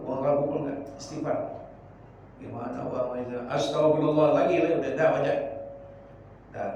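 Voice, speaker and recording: A man's voice: medium pitch, darkish tone, highs cut off, a little hiss or hum. A man preaching an informal sermon, mixing street slang with Arabic prayers. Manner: colloquial Jakarta slang mixed with Arabic prayers. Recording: echoey room, distant from mic.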